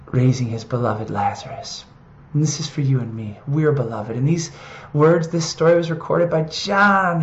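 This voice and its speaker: An earnest preacher reflects on a Bible passage and reads the verses aloud with quiet emphasis. The voice sits in the middle range. It rings in a roomy space, and the recording sounds dull and lo-fi. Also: medium pitch. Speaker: preacher in an online video series.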